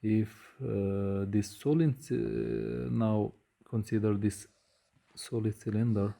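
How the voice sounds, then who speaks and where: A man lectures on physics at a board, his voice low and very dark in tone. He speaks slowly and pauses often with hesitant fillers as he writes. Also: steady tone, vocal fry. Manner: slow, measured, frequent hesitations with uh. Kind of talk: whiteboard lecture.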